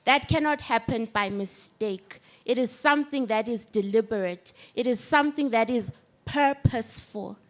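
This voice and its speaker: High-voiced woman leading a church service. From South Africa. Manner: slow, deliberate, explaining step by step. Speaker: service leader introducing the speaker. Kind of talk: scripture reflection in a church service. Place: church hall.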